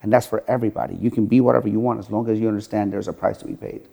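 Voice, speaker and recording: Racing along in a lowish, steady, dark-toned voice with vocal fry, a middle-aged Iranian man tells his life story on a podcast. He owns a gym franchise and speaks earnestly as the interview guest, leaning heavily on "you know."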